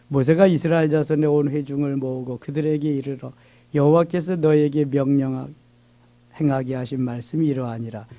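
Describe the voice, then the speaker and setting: A man's voice: medium pitch, warm tone. A man preaching a Korean church midweek sermon, reading scripture aloud and driving points home with emphatic repetition. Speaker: pastor. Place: church sanctuary.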